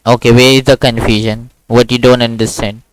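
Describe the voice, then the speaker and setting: A male online Quran teacher with a smooth voice recorded dry and close on a video call. He speaks in an even, steady tone, patiently repeating sounds slowly so a young student can copy them. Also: medium pitch, no echo, poor audio. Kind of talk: one-on-one online lesson.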